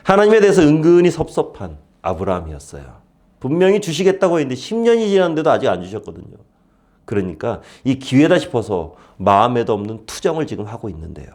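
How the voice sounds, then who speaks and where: A middle-aged man preaches a Sunday sermon in the measured voice of a pastor. His pitch rises and falls over a wide span, and now and then he acts out complaints in a raised voice. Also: wildly swooping pitch, darkish tone.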